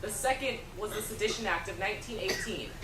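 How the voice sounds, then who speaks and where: A woman's voice: mid-range voice, fast. A woman reading scripted historical narration. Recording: echoey, distant, clear background noise.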